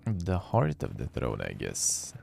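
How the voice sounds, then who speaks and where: Low-voiced man streaming a game. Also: huge pitch swings, takes it slowly, gravelly, darkish tone, a little hiss or hum. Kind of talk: casual game commentary and read-aloud.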